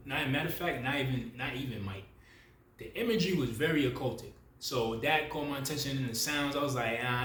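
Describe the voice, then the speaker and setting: A spiritual video creator in his 30s rambles casually to the camera, loose and slangy, correcting himself as he goes in a familiar way. His voice is fairly high, and the room sounds echoey.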